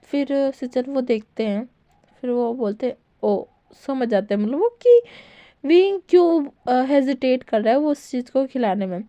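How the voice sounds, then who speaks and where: Mellow-voiced woman retelling a story. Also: sits high, lively intonation, normal speed, dry recording. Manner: chatty, filler-laden retelling. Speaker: fan-fiction narrator. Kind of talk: casual storytelling narration.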